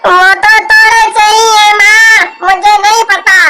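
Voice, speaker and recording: Woman doing a squeaky, whiny witch's child. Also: flat delivery, takes it slowly, exaggerated voice. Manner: whiny, demanding. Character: stubborn little boy, a witch's spoilt child. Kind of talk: cartoon story voice acting. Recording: loud background music.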